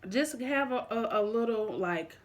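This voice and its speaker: Slow, halting casual vlogger. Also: medium pitch, animated. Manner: halting, deliberate, repeats and rephrases phrases. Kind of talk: casual opinion talk to viewers during a mukbang.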